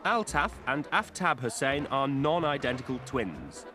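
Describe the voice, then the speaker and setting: A male reporter giving scripted narration for a TV news feature in a measured, even delivery. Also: medium pitch, faint music behind.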